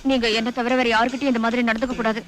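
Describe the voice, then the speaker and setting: An actress playing a young wife who scolds her husband and then softens. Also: a little high, flat delivery, racing, natural voice. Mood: tender. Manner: sharp, scolding, then soft. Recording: film dialogue over loud music.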